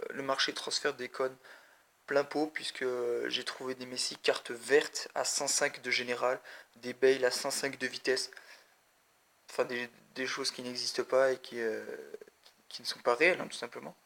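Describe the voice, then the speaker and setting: Male gaming vlogger, gravelly and bright, chatty and rambling, talks to camera. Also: medium pitch. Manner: rambling, chatty, addresses viewers directly. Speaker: mobile gaming video creator. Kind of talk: casual gameplay commentary.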